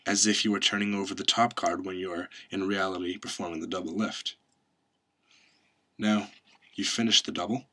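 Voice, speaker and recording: A man's voice: low-pitched, sharp tone. A man presenting a step-by-step magic tutorial, instructing and reciting card magician patter as he demonstrates.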